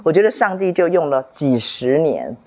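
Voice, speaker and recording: A woman in her late fifties shares a childhood memory, earnest and reflective, circling back over her words as she recalls. Her voice sits low. The recording is a little dull and lo-fi. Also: very animated, normal speed, a little mellow. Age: 50s. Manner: earnest, reflective, repeats herself while recalling. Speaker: book club member sharing a testimony. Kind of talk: personal storytelling.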